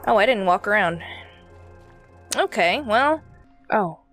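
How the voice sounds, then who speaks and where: A woman hosting a let's play, talking casually and brightly with frequent laughter as she plays. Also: medium pitch, animated, slow pace, faint music behind. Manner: bubbly, chatty, laughs often. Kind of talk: casual game commentary.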